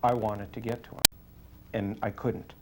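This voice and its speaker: A man speaking as a police sergeant giving a testimonial in an interview, earnest, deliberate and matter-of-fact. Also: lowish voice, level tone, heavy background noise.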